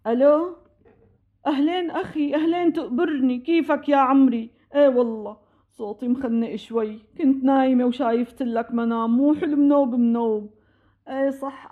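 An actress playing an emotional, tender-hearted middle-aged woman in a radio drama, speaking with a Levantine Arabic accent. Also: high voice. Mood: warm. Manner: heartfelt, easily moved to tears. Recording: slightly dull lo-fi audio.

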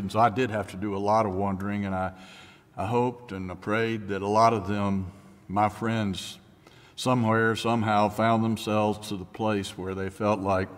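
A middle-aged male pastor delivers a Sunday sermon in a low voice. He talks haltingly, restarting his phrases and letting his lines trail off softly. A long church reverb hangs on every word. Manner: halting, with frequent restarts and soft trailing endings. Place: church sanctuary.

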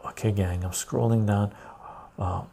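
A man's voice: fairly low pitch, fairly even intonation, a little slow, vocal fry, dark tone, slightly rough. A man, hosting a casual livestream, reading chat and rambling with frequent "right?" tags. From Canada, born in Iran. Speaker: livestream host.

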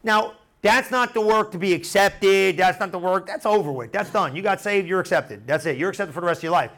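Middle-aged male pastor, high-pitched voice, lively sermon delivery with call-and-response repetition. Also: a little fast. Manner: animated preaching with repeated phrases and congregation call-and-response.

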